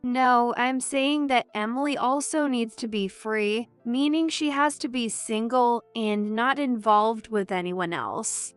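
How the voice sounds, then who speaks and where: A woman narrating a first-person drama story in a measured, earnest way. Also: a little high, smooth, soft background music.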